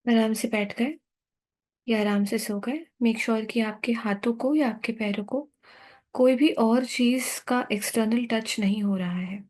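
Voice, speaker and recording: Leading a sleep meditation, a woman with an Indian accent speaks calmly and soothingly at an unhurried pace. She leaves long pauses between instructions, and her voice sits on the high side.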